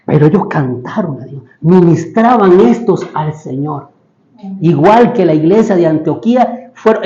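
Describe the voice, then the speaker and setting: A man with a high voice delivers a sermon and keeps asking his listeners rhetorical questions. He acts out the lines of biblical characters as he preaches. The recording is echoey and dull, with a lo-fi sound. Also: warm tone.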